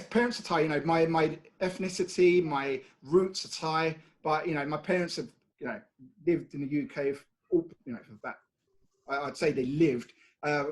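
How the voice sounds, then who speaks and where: A man's voice: fairly high pitch, moderate pace. A British man from the UK answering interview questions in a casual, chatty way, often dropping in "you know". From United Kingdom. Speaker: brand ambassador interviewed.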